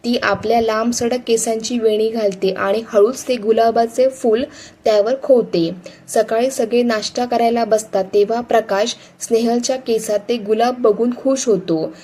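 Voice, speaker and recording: A woman narrating a family story in a steady, expressive reading style. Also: fairly high pitch, moderate pace.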